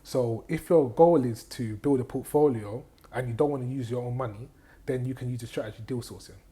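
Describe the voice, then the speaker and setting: A man's voice: mid-range voice, fairly quick, dark tone. A man, a guest on a casual podcast interview, speaking with confidence as he gives advice, repeating key phrases and checking that the listener is following him. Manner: checks in with "do you get what I mean". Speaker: guest, property investor and trainer.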